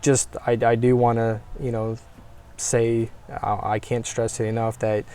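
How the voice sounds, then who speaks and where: A man's voice: mid-range voice, level tone, unhurried, warm tone, clear, resonant tone. An American man chatting casually as a guest, hesitant, with many ums and restarts. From United States. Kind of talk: casual conversation.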